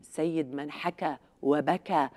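A woman's voice: low voice, steady tone, a little slow, darkish tone. A middle-aged Lebanese woman hosting a satirical TV show, delivering a sarcastic, escalating comedy rant full of mock outrage. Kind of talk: scripted satirical comedy monologue. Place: TV studio.

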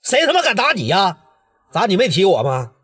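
Man doing Northeastern big brother, husky, stern and protective. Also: fairly quick, long reverb tail. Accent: Northeastern Mandarin. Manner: low and steady, turning fierce. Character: respected gang leader, adult male, protective, hot-tempered.

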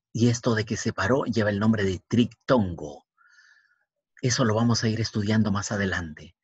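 A male teacher giving a language lesson, speaking slowly, spelling out letters one by one and repeating words. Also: lowish voice, slightly rough, no room sound. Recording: dull, dry, lo-fi recording.

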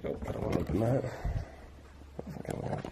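Filming in an abandoned school building after dark, this young urban explorer keeps up a brisk, hushed, casual chatter, wary and full of questions. Everything comes through a handheld camera mic, so the audio is noisy and clicky.

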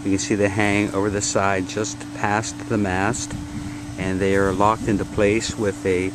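A man narrating his homemade build in a casual, halting way, filming outdoors in a backyard. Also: fairly low pitch. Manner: halting, many uh fillers, matter-of-fact. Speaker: DIY builder. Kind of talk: casual show-and-tell narration. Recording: noisy outdoor camera audio. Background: wind and outdoor ambience.

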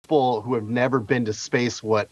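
A man's voice: medium pitch, steady tone, moderate pace, slightly rough, no room sound. A man working as a TV interviewer, asking questions conversationally over a remote link. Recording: slightly dull remote link.

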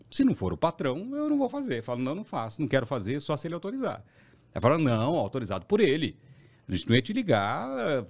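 A middle-aged Brazilian man with a Brazilian Portuguese accent, a TV presenter telling anecdotes as a guest in a casual podcast chat. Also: mid-range voice. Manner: animated anecdotal storytelling, acts out voices of others.

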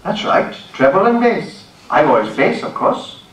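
A man voicing a gentle, dreamy male railway engine driver in an animated film, mild and earnest with stammering starts. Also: a little high, measured pace. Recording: echoey, distant hall playback with hiss.

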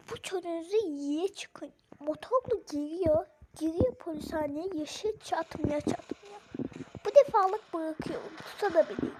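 A woman's voice: extremely high pitch, heavy background noise. A woman voicing a stern police officer in a game role-play, giving orders and lecturing a parent.

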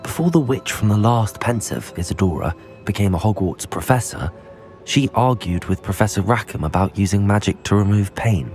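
Low-voiced, polite young wizard student. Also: male voice, animated, moderate pace, darkish tone, soft background music. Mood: thoughtful. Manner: polite, composed, earnest. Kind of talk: video game cutscene acting.

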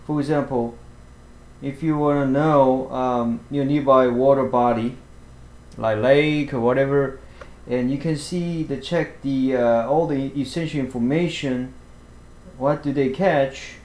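Slow, halting man giving an app walkthrough. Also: mid-range voice, steady tone, darkish tone. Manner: halting, many fillers and restarts. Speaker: fishing vlogger. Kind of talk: screen-share app walkthrough. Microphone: voice-over to screen recording.

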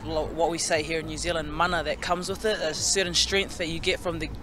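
A woman's voice: low voice, flat delivery, a little fast. A young woman rugby player from Fiji, answering thoughtfully in an outdoor interview with a handheld mic. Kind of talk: casual interview. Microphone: handheld reporter mic.

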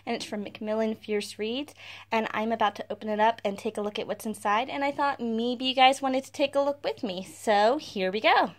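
A book blogger hosting a video vlog gives casual, chatty unboxing commentary from a carpeted room at home. Her voice is fairly high and a little fast.

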